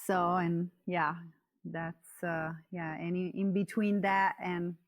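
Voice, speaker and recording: A woman's voice: lowish voice, little pitch movement, slow pace. A woman in her thirties with an Italian accent, a guest on a podcast who talks hesitantly with many fillers and restarts and laughs often. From Italy. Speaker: guest, coach. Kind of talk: casual podcast interview. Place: yurt at home.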